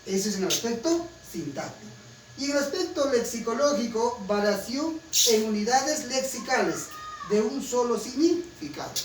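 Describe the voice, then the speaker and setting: A man's voice: very high voice, lively intonation, moderate pace. A man with a Peruvian Spanish accent from Huancayo, teaching a class in an emphatic way and often asking students to confirm. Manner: emphatic, keeps checking with students. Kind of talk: classroom lecture. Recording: roomy, distant, faint room noise.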